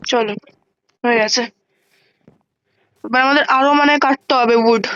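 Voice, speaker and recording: A woman giving casual gameplay commentary, chatty, thinking aloud and counting blocks out loud, with quick exclamations when surprised. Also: high voice, steady tone, clear, resonant tone, no room sound, highs cut off. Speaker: gaming channel host.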